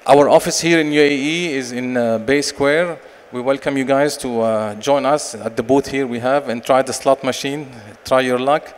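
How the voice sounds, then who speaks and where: A man in his forties, a company director, giving a conference sales pitch and answering questions with many fillers and restarts into a handheld mic. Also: steady tone, normal speed, few pauses, clear, resonant tone. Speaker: company managing director presenting. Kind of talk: conference presentation and Q&A. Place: large expo stage hall. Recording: long hall reverb, faint noise.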